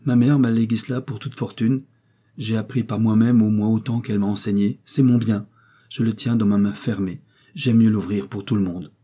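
A man's voice: fairly low pitch, fairly even intonation, moderate pace, warm tone, slightly rough. A man voicing a proud, determined young widowed lacemaker in a French audiobook reading, speaking firmly and with dignity. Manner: firm and dignified.

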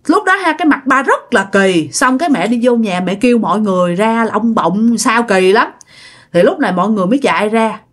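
A woman's voice: fairly high pitch, expressive, fairly quick. A woman narrating a ghost story in a chatty, dramatic way, talking straight to her listeners.

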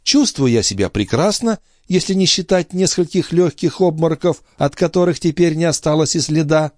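A man reading an audiobook voices a fragile, nervous young woman who talks in breathless, high exclamations. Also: expressive, normal speed, darkish tone, dry recording, clean studio sound, close to an everyday voice. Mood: agitated, fluttery.

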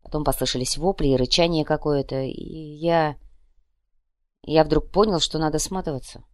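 A subdued man speaking quietly, put on by a woman narrating an audiobook. The voice is low and soft, and the recording is close and dry. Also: fairly even intonation, moderate pace, dry recording, close to an everyday voice. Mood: ashamed. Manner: quiet, hushed. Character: ashamed male companion, quiet and subdued. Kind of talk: audiobook character voice.

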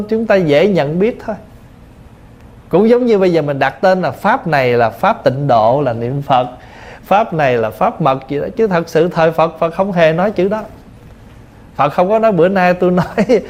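Monk giving a plain-spoken dharma talk. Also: male voice, fairly high pitch, animated, moderate pace, a little mellow. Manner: plain, patient explaining through everyday examples. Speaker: Buddhist monk teacher. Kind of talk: dharma talk answering questions.

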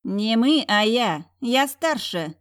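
A woman voicing a spiteful, haughty young noblewoman in a storybook, with a shrill, sneering voice. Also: expressive, slow.

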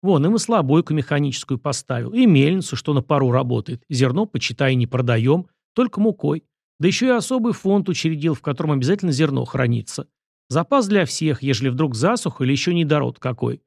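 A man's voice: a little high, animated, fairly quick, vocal fry, a little mellow, no room sound, studio quality. A man voicing a proud, stubborn commoner who argues in a folksy, vehement way.

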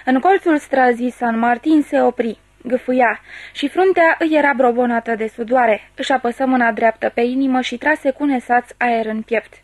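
A woman narrating a classic novel as an audiobook, in a steady, measured reading. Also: a little high, no room sound.

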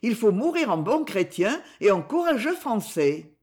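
A woman's voice: medium pitch, very animated, measured pace, darkish tone, breathy edge, voice pushed up. A woman voicing a frightened, devout young woman who pleads and prays. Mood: pleading. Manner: pleading, tremulous.

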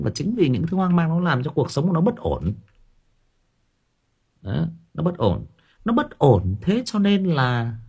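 A man's voice: high voice, gravelly, slightly rough. A man hosting a casual talk show, rambling and repeating himself as he talks about raising teenagers. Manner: rambling, repeats words, animated.

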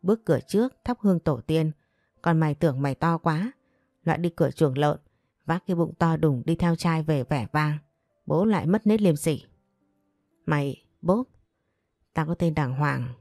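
A woman voicing a brash young man who scolds and mocks, in a low, dark voice. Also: moderate pace, pauses often, dry recording, clean studio sound, soft background music. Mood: scornful. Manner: taunting, scolding. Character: brash young man, protective older brother, mocking.

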